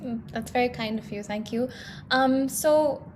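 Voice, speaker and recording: A woman in her twenties from the United States, with an American accent, speaks at a fairly high pitch and measured pace over a little hiss or hum. She's a guest singer in casual talk show conversation, slipping between English and Hindi.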